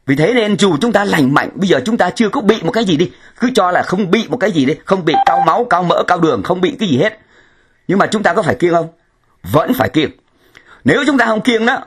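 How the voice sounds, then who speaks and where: Husky, animated male preacher. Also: sits high, brisk. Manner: emphatic, repeats words and rhetorical questions. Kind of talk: sermon.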